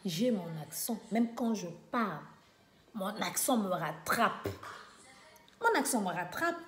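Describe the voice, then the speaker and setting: A woman's voice: medium pitch, very animated, unhurried, a bit bright, reverberant. A woman from the Republic of the Congo with a Brazzaville French accent, delivering an indignant monologue full of rhetorical questions. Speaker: vlogger. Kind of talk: impassioned direct-to-camera monologue.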